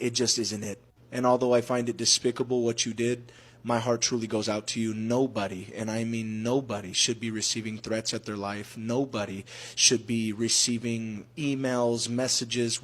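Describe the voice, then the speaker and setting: A man giving earnest, preachy, emphatic commentary as a social media commentator. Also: medium pitch. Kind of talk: earnest moralizing commentary to camera.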